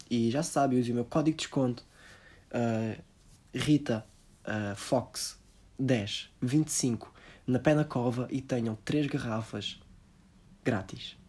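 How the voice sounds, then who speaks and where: A man's voice: mid-range voice, dark tone, natural voice. Man doing a drawling vapid influencer. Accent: European Portuguese. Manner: drawling, slow and sing-song, mixing in English.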